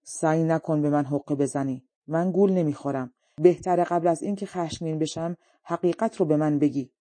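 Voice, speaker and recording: A woman's voice: low voice, no echo, natural voice. A woman voicing a commanding male dragon king in an audiobook story. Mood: suspicious. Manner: loud, commanding.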